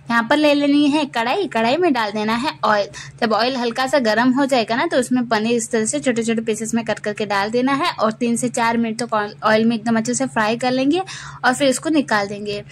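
A woman with a slightly high voice walks viewers through a home recipe as a voice-over. Her tone is chatty and instructive, with frequent friendly check-ins. A faint hiss of background noise sits under her voice. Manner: chatty, repeats "theek hai guys" and "na". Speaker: cooking channel host. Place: home kitchen.

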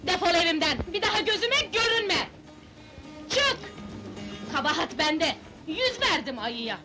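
A woman's voice: a little high, expressive, a little fast, music in the background, lightly acted. An actress playing a flirtatious, hot-tempered woman in a 1970s comedy film, theatrical in her delivery. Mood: angry. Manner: coy then fiery, theatrical.

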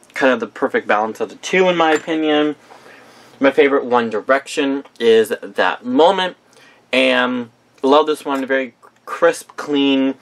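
Guy vlogging about perfumes, chatty, lots of ums, got the hiccups, mid pitch. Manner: chatty, frequent ums, enthusiastic. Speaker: perfume reviewer. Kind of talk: casual vlog review.

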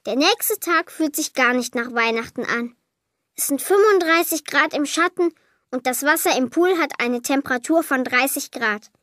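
A woman reading a children's Christmas story aloud, lively and lightly voicing the girl and her parents. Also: sits high, dry recording, clean studio sound. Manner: lively, voices the child, mother and father lightly.

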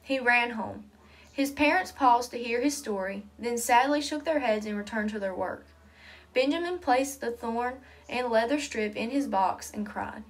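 Fairly high-voiced woman reading a story. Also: measured pace. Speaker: reader. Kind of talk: reading a children's story aloud.

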